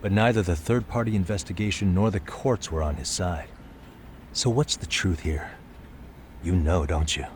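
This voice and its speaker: A man acts the part of a dogged, deep-voiced investigator in a dramatic game cutscene, calm but insistent as he probes. His natural voice sounds serious, deliberate and pressing, with dramatic music and slight background noise behind him.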